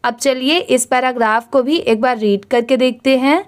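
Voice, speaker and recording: A woman's voice: high-pitched, moderate pace. A woman teaching English reading. She spells each word letter by letter, asks the class what it says, and then answers herself. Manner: asks students questions and answers them herself.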